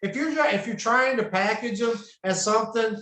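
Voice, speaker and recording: A man's voice: sits high, moderate pace, fairly bright tone, slight background noise. A man guest on a podcast, telling wrestling-road stories in a laid-back way, laughing as he goes. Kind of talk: casual storytelling. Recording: roomy echo.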